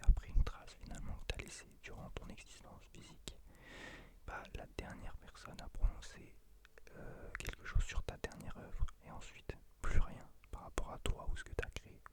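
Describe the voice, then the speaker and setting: A man in his late twenties speaking in an unvoiced library whisper, an ASMR whispered role-play, hesitant and intimate as he addresses the listener. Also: moderate pace. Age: late 20s. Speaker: ASMR creator and host.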